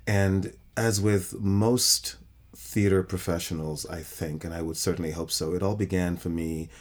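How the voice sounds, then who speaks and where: A middle-aged man from Trinidad who works as an actor and director, telling expressive stories in an interview and repeating words when he gets excited. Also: low voice, moderate pace. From Trinidad, West Indies. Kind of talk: interview conversation.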